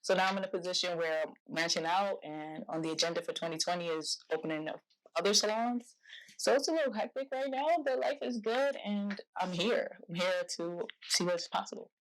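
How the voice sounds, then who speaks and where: A young woman who is a hairstylist and fashion entrepreneur speaks as an interview guest in a lowish, slightly fast voice over poor audio. She is expressive and chatty, filling her speech with lots of "like."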